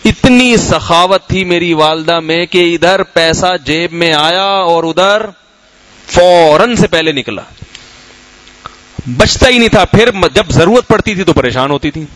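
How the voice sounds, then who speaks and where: Telling anecdotes and putting questions to his audience, a middle-aged Pakistani Islamic scholar delivers a conversational sermon with Q&A. His voice sits high and is a bit bright. The audio is poor.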